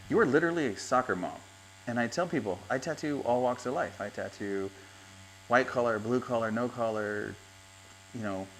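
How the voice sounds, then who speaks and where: A man's voice: medium pitch, slight background noise. A man in his fifties, a tattoo artist hosting a podcast, telling stories in a chatty, laughing way from his studio on a lapel mic. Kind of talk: casual chat.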